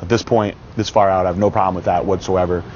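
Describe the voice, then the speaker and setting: A man's voice: sits low, fairly even intonation, fast talker, a crowd in the background. A man in his thirties coaching outdoors in a parking lot, speaking confidently and emphatically on a lapel mic. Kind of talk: casual outdoor interview. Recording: dull audio with faint outdoor noise.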